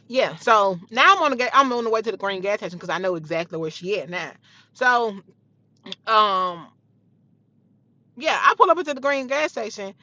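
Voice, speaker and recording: A young woman with a bright, forceful voice tells her story bluntly and with plenty of profanity. The sound is close and dry, with no room echo. It is a slightly dull, lo-fi phone recording. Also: on the high side. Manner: blunt, profane, heated retelling. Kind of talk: casual storytime monologue.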